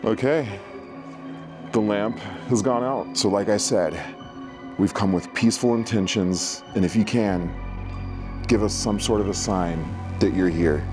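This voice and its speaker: A man hosting a night investigation vlog, talking to the camera and calling out with deliberate pauses. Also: fairly low pitch, over music. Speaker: vlog host, ghost investigator.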